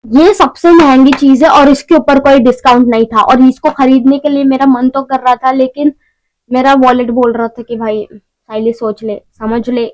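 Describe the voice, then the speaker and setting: A woman's voice: high-pitched, steady tone, moderate pace, darkish tone, poor audio. A young woman talking casually through a beauty haul at home, chatty and rambling with self-mocking asides. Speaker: beauty vlogger. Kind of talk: casual shopping haul vlog.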